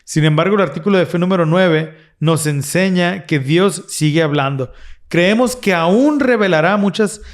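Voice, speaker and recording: A man's voice: sits high, normal speed. A man co-hosting a casual religious discussion, explaining earnestly and restarting his phrases often. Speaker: podcast co-host.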